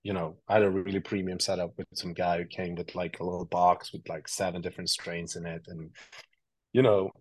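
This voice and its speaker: A man from Sweden in his thirties, a guest telling stories in a relaxed, rambling way with lots of fillers. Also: low voice, fairly quick, slight background noise, low-quality recording. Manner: relaxed storytelling with many fillers and restarts. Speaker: guest, creative officer. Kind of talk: casual interview talk.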